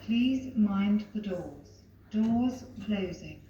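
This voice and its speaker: A woman's recorded voice giving automated lift announcements over a loudspeaker, clipped and measured. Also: mid-range voice, expressive, recorded from a distance, lo-fi sound. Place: inside a lift. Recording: echoey lift speaker from afar, noisy.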